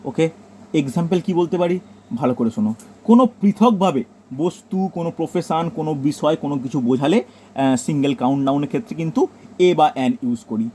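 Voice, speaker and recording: Bengali-accented teacher, mellow voice. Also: male voice, on the high side, quick pace, slight background noise. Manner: repeats points and tells students to note them down. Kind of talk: classroom grammar lesson.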